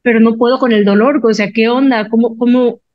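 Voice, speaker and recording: A woman gives an emotional personal testimony, retelling conversations in animated voices. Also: a little high, fairly quick, no room sound, muffled recording. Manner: emotional, animated storytelling with lively retold quotes. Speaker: podcast guest.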